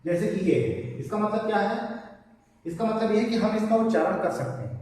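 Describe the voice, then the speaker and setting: A man teaches a Hindi lesson, explaining step by step and posing questions he then answers himself. His voice sits a little high but sounds mellow. He is picked up from a distance in a strongly echoing room with long reverb. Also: moderate pace. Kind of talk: classroom lesson on Hindi script. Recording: echoey room, voice from far off, faint noise.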